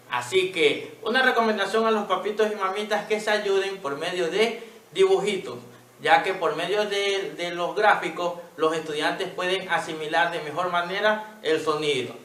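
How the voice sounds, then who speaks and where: Ecuadorian guy teaching little kids phonics, slow and patient, high voice, sounds a bit far from the mic. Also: pushed and bright. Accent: Ecuadorian Spanish. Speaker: primary school teacher. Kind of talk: online reading lesson for young children. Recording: echoey room, voice a little off-mic.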